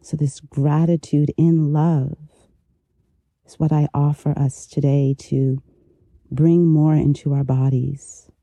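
Very mellow, slow meditation guide, close in the ear. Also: medium pitch, flat delivery, dry recording. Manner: slow, unhurried, gentle pauses. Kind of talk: guided meditation, soothing instruction.

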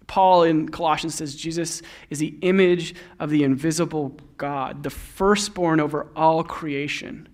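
High-voiced young man preaching conversationally. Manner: conversational, storytelling with laughs. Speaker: pastor. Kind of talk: sermon.

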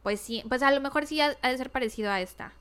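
A woman's voice: high-pitched, fast talker, fairly bright tone, clear, resonant tone. A young woman with a Mexican accent chatting casually as a podcast co-host, mixing English words and slang into her Spanish. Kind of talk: casual chat.

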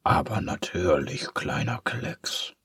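A man voicing a sly, sinister ink-eraser pen in a dark, scratchy, slow whisper for a storybook. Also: rumbling low, slightly rough, dry recording, clean studio sound, exaggerated voice. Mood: creeping. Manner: slow, creeping, hissing.

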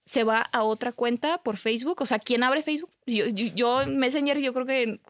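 A woman's voice: fairly high pitch, moderate pace, no room sound, clean studio sound. A woman from Mexico with a Mexican Spanish accent, a podcast guest candidly recounting her story in casual chat, dropping "you know" and "I mean" often. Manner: candid, peppers her story with "¿sabes?" and "o sea".

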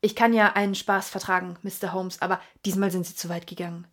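A woman reading an audiobook, voicing a hot-tempered American baronet who is loud and furious, with a husky American-accented voice. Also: mid-range voice, steady tone, moderate pace, close to an everyday voice.

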